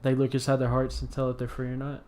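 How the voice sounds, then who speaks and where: A drowsy man talking through a casual anime podcast, thinking out loud in loose, rambling sentences full of restarts. His voice sits at an ordinary middle pitch, and he sounds tired, as if fighting off yawns. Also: completely flat delivery, fast talker. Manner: rambling, many fillers and restarts. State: sleepy, yawning. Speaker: podcast co-host.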